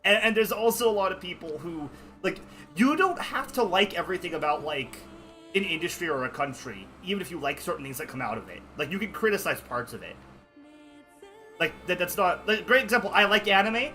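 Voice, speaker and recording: A man on a game stream, ranting in a heated, profane way with constant fillers. His voice sits a little high and sounds very bright and sharp, with faint music underneath. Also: expressive, brisk. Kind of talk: casual chat during a game stream.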